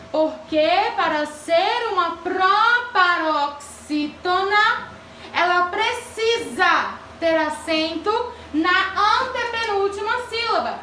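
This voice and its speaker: A woman teacher with a very high-pitched, pushed, bright voice gives children a grammar lesson, asking the class questions and calling on pupils by name. The echoey classroom recording is captured from far off, with slight background noise.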